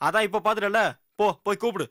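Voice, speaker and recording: A man's voice: high voice, fairly even intonation, quick pace, a little hiss or hum. An actor playing a cheeky young man who answers with curt wisecracks. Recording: film soundtrack with loud music.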